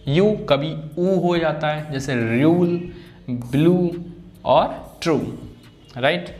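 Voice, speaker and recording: A man's voice: on the high side, drawn-out words, a little mellow. A man teaching an English phonics lesson, repeating example words and often checking in with his students.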